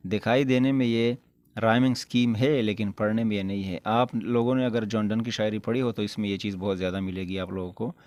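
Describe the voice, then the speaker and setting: A man's voice: lowish voice, steady tone, fairly quick, a little mellow, no room sound. A man teaching as an English lecturer, explaining step by step, often rephrasing his points and correcting himself mid-word. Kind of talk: explanatory lecture in Urdu-Hindi mixed with English.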